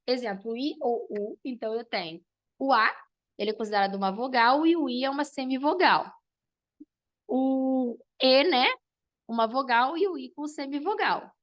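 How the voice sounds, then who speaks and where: A woman's voice: high voice, moderate pace, highs cut off. A woman teacher, teaching an online class and explaining step by step while checking in with her students.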